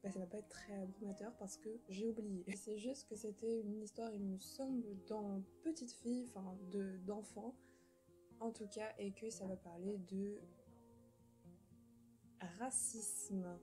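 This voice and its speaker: A young book vlogger chats casually about books she plans to read, rambling, poking fun at herself, and using many fillers and restarts. Her mid-range voice is steady, mellow and a little slow. Soft music plays behind a low-quality recording.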